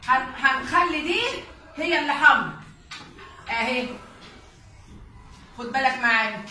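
A woman's voice: high-pitched, a little slow, sharp tone, a little hiss or hum. A woman teacher with an Egyptian Arabic accent, leading a classroom reading lesson and patiently drilling her pupils with repeated questions. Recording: echoey classroom, distant mic.

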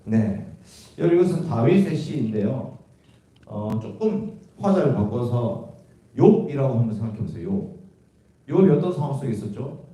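A man's voice: mid-range voice, very animated, moderate pace, dark tone. A man teaching a Bible class, asking students questions and explaining the verses. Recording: echoey room from far off.

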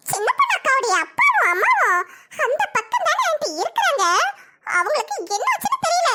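A woman's voice: very high voice, background noise. A woman voicing a young woman named Nandini who earnestly explains things in a cartoon comedy.

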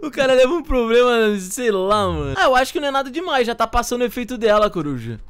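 A young man hosting a gaming channel, chatting excitedly and joking with his co-player during gameplay. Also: extremely high pitch, fast, clear, resonant tone. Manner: animated, exclaiming, joking with co-player.

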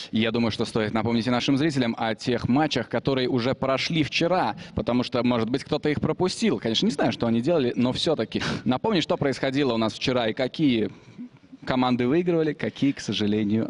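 Young male co-caster, medium pitch, headset, pre-match esports discussion. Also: quick pace. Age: young adult. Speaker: esports co-commentator.

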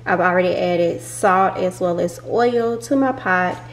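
A woman's voice: fairly low pitch, a little slow. A woman vlogger talking through her home cooking in a chatty, enthusiastic way. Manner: chatty, enthusiastic about ingredients. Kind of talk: casual cooking walkthrough. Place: home kitchen.

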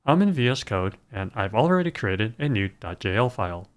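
A man narrating a scripted programming screencast in a calm, measured way. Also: on the low side.

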